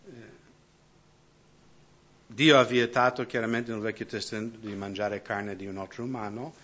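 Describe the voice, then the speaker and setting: A man preaching a conversational sermon who keeps checking in with the congregation with quick tag questions. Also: fairly low pitch, fairly even intonation, a bit bright, dull audio. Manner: keeps asking the congregation "no?" and "giusto?".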